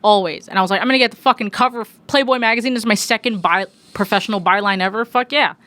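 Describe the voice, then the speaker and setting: A woman's voice: mid-range voice, fast talker, dry recording. Chatty young woman in her twenties. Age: 20s. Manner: animated, swears freely, many restarts. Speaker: music journalist guest. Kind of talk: casual podcast conversation.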